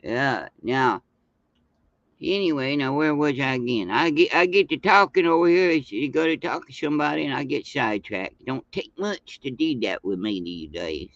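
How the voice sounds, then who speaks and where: A man's voice: mid-range voice, expressive, normal speed, fairly bright tone, no echo. A man playing an absent-minded, cantankerous old grandpa, rambling through folksy Old West tales for his online viewers and losing his thread. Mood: absent-minded, chuckling. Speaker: host. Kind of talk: improvised in-character storytelling to online viewers. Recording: dull, lo-fi, slightly muffled sound.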